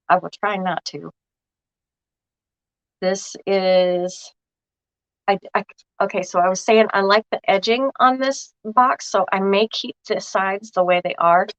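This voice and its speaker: She has a medium-pitched voice without echo and sounds froggy from a cold. As a craft vlogger, she chats and thinks aloud while showing viewers a craft project, and the recording is dull, lo-fi and dry.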